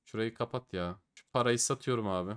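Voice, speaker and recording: A young man giving excited, slangy commentary as a case-opening streamer, swinging between loud hype and grumbling. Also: lowish voice, quick pace, smooth.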